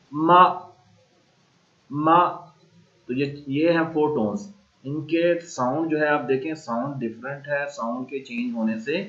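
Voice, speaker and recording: A man with a Pakistani accent teaching an online language class, slowly drilling and repeating sounds. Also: mid-range voice, lo-fi sound. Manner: slow repeated drilling of tones.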